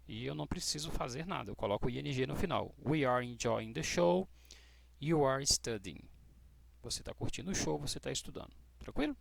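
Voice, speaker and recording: A Brazilian man teaching English grammar to students, patient and checking in often with short questions, spelling out letters slowly. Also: mid-range voice, expressive, creaky. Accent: Brazilian Portuguese. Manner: spells out letters slowly, stressing key words. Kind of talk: explaining grammar rules to students.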